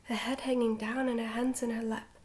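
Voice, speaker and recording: For an ASMR recording, a woman reads a story in a breathy whisper pitched slightly high, telling it gently and carefully so everything stays soft and hushed. Her pitch barely moves, and she goes a little fast.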